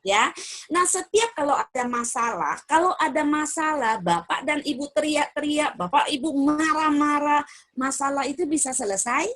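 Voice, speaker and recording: A middle-aged woman speaking to parents at a seminar, her voice set a little higher than most. She talks in a lively way, puts questions to the room and waits for answers. She slips into the voices of the people she quotes. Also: normal speed.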